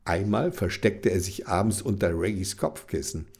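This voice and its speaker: A man reading a children's story aloud in a lively, expressive way. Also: sits low, normal speed, vocal fry, husky.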